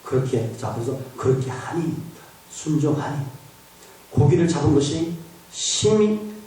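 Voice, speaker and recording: 유머 섞인 설교를 하는 남성 목사. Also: male voice, a little high, moderate pace, dark tone. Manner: humorous, asks the congregation questions. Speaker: pastor. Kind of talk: sermon. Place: church sanctuary. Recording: echoey hall from far off.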